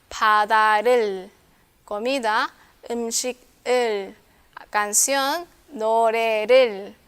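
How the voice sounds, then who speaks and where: A woman with a smooth, clear and slightly high voice leads a language lesson. She explains step by step, repeats each word and checks in with her students as she goes. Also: a bit bright. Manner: patient, repeats words and checks understanding with "¿sí?". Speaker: Korean language teacher.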